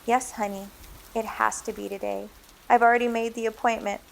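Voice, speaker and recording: Woman reading as a gentle young mother. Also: on the high side, little pitch movement, fairly quick, creaky, slight background noise, poor audio.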